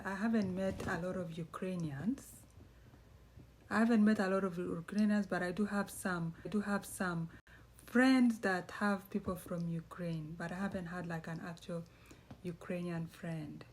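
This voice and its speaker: A woman's voice: on the low side, a little mellow, slight background noise. A woman from East Africa, a writer talking casually to her channel viewers, rambling and correcting herself as she goes. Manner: rambling, self-correcting, chatty. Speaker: YouTuber and writer. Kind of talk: casual vlog chat.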